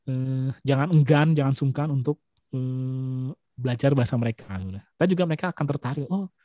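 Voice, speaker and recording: A young man speaking as a guest in a casual webinar chat, relaxed and chatty, with many fillers and restarts. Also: medium pitch, brisk, no echo, dull audio.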